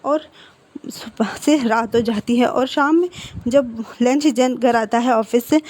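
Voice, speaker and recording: Woman storyteller, casual recap, high mellow tone. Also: slow pace. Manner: conversational, with repeats and restarts. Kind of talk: casual retelling of fan fiction.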